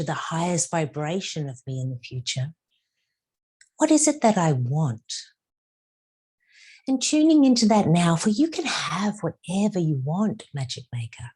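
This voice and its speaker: A woman acting as a spiritual teacher guides a meditation in a low-pitched voice. Her delivery is soft and soothing, with drawn-out phrases and a few hushed, whispered words.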